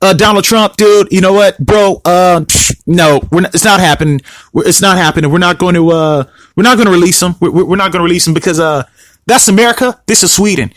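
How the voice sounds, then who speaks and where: A man's voice: high-pitched, brisk, fairly bright tone, no room sound, pitched below the performer's own voice. A man voicing a casual, dismissive male prime minister who talks in slang.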